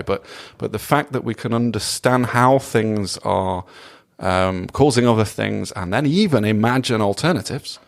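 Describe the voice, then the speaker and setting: A man's voice: mid-range voice, creaky. A British man answering interview questions casually, thoughtful and hedging, with self-deprecating humour. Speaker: podcast guest, causal inference researcher.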